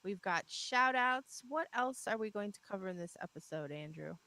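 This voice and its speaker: A woman's voice: mid-range voice, expressive, normal speed, bright, forceful tone, dry recording. A woman co-hosting a live podcast broadcast, talking casually, upbeat and often laughing. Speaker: podcast co-host. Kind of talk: casual live-stream chat.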